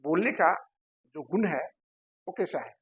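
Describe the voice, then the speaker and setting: A man teaching a lecture, posing questions to his listeners and answering them himself, repeating key terms slowly. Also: on the high side, expressive, slightly rough, highs cut off. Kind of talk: classroom lecture.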